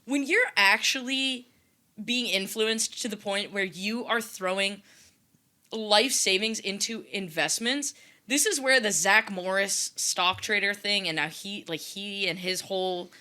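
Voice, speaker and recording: A woman's voice: medium pitch, a little slow, sharp tone. A woman co-hosting a podcast in casual chat, blunt and opinionated. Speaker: podcast co-host.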